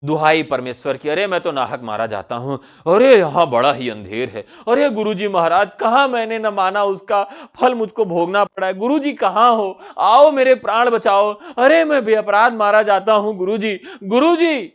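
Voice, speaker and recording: Man reading terrified disciple, wailing, pleading, high voice, lively pitch. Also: normal speed, few pauses. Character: poor frightened male disciple facing hanging. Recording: dull lo-fi recording.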